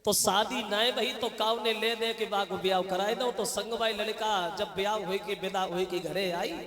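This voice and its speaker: A man's voice: high voice, normal speed. A man giving a folksy sermon on family life, telling a village story with frequent chuckles. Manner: lively storyteller, chuckling often. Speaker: religious teacher. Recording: echoey hall reverb.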